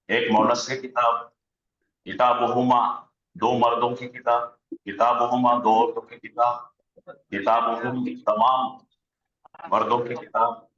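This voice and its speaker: A man teaching an online Arabic grammar lesson, slowly drilling word forms aloud on a video call. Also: medium pitch, sharp tone. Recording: dull echoey room sound.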